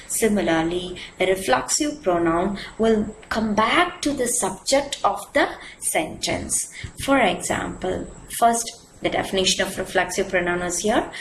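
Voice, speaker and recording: A woman's voice: on the high side, roomy sound, a little hiss or hum, low-quality recording. A woman, teaching a grammar lesson and explaining patiently, step by step, with examples. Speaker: English teacher.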